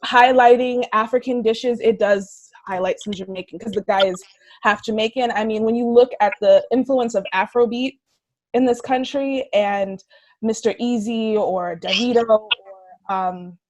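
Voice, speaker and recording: A woman on a casual discussion panel, speaking in a measured way with hedges and fillers as she reasons aloud. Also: a little high, steady tone, darkish tone, poor audio. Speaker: panel guest.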